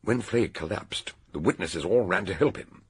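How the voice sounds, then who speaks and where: A low-pitched male actor performs an eccentric older British detective in a radio drama, laying out the solution to a murder with theatrical deliberation. His voice is gravelly and husky, animated and heavily acted, and the mood is dramatic, as if he relishes every word.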